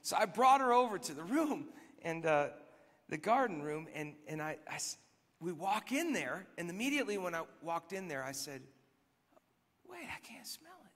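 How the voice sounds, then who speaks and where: A man's voice: a little high, very animated, normal speed, fairly bright tone. A man leading worship, telling a story in a conversational, reflective way, often dropping to a near whisper. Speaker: worship leader. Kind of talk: sermon-style storytelling. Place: live worship gathering. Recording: long reverb in a large hall.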